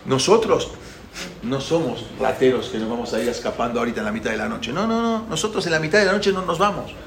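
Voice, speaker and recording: A steady, unhurried prophet, as a man puts him on, talking down an angry king with soothing repetitions. The voice drops lower than usual but still moves about lively, and the roomy echo and faint noise stay behind it. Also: vocal fry. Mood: calm. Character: calm, firm male prophet leader. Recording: echoey room, faint background noise.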